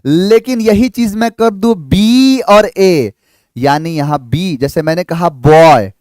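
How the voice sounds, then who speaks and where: Slow-spoken man teaching. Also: high-pitched, a little mellow, dry recording. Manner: slow, repeats and spells out sounds, checks in with "clear?". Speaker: English teacher. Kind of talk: classroom lecture.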